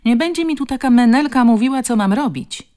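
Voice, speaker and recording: A woman's voice: on the low side, big pitch swings, a little slow. Woman doing a jeering schoolboy bully. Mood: spiteful. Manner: jeering, taunting, shouting. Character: tall mocking schoolboy bully, cocky and spiteful.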